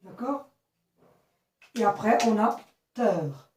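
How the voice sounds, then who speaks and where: Slow, distant teacher woman in echoey room. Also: mid-range voice, animated, darkish tone, slight background noise. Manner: slow, clear, repeats and spells words out, checks with "d'accord?". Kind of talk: classroom phonics lesson to children.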